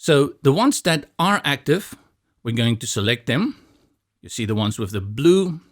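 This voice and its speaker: The tutorial instructor is a man from South Africa, an Afrikaans first-language speaker with a South African accent and a mid-range voice. Speaking a little slowly, he calmly explains a screen-recorded software tutorial step by step, mixing in some light humor.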